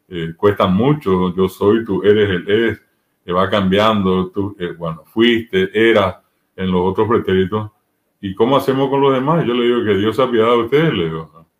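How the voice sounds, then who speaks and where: A man's voice: on the low side, muffled recording. A man with a Paraguayan Spanish accent, a language teacher explaining grammar step by step with spoken examples in an interview.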